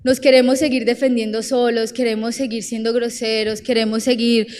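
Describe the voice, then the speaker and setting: Young Colombian woman preaching, high voice. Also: normal speed, big-room sound. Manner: animated, direct, acts out quoted voices. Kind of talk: sermon. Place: church.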